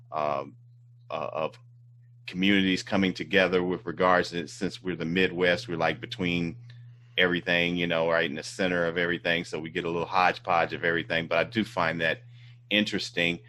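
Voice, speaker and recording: A man's voice: sits low, level tone, a little fast, sharp tone, a little hiss or hum. A man from Indiana hosting a casual interview, rambling with many fillers and restarts. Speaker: talk show host.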